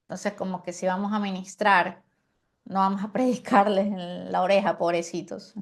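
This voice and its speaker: A woman giving a conversational lesson on how to preach. She uses deliberate pauses and often adds "¿sí?" and "amén". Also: mid-range voice, little pitch movement. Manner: frequent rhetorical "¿sí?" and "amén". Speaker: preaching teacher.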